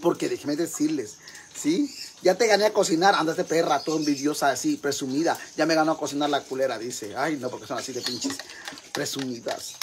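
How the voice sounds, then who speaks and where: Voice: medium pitch, brisk, background noise, close to an everyday voice. A performer voicing a crude, boastful Mexican mother with a Mexican accent, rambling gossip to her sisters in a comic monologue. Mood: brash gossip.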